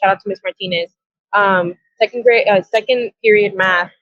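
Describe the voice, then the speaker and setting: On a podcast, a guest with a medium-pitched voice and moderate pace tells her own story, reporting what was said in blunt, earnest and profane terms. The recording has no room sound and a dull, dry lo-fi quality.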